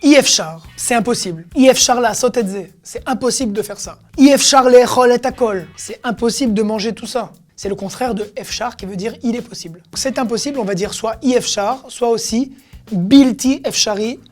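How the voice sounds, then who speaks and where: Woman teaching words, kinda high voice, casual, light music in the back. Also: darkish tone. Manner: explains each word slowly, acts out the expressions. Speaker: Hebrew teacher. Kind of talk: casual vocabulary lesson.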